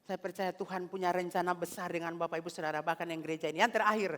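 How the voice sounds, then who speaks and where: A woman's voice: lowish voice, monotone, very fast, in a large hall. A woman pastor with an Ambonese Malay accent preaching a sermon, calling out to the congregation and slipping into local dialect. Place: church hall.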